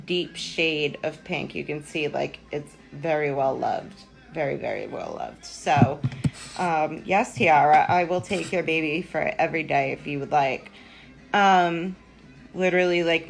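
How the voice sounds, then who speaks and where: A young woman hosting a live makeup tutorial from home, rambling and self-deprecating as she chats with viewers. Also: lowish voice. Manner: rambling, self-deprecating, lots of ums and likes.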